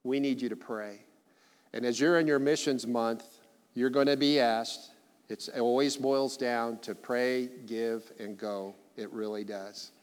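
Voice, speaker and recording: A man's voice: mid-range voice, fairly even intonation, measured pace, clear, resonant tone. A man in his sixties, a missionary, preaching earnestly at a church service and closing in prayer, with repeated rallying phrases. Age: 60s. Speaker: missionary speaker. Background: soft guitar music playing.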